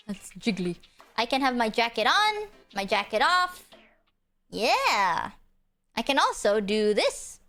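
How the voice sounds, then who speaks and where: High-pitched, playful cute woman anime streamer. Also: a bit bright. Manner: giggly, teasing, exclamatory. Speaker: streamer host. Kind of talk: casual live stream chat.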